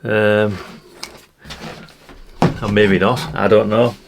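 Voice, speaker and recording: This British vlogger speaks extremely slowly with a flat delivery and vocal fry, his voice fairly low, while background noise carries on. He casually shows off vintage CB radios, musing aloud and making chatty asides to his viewers.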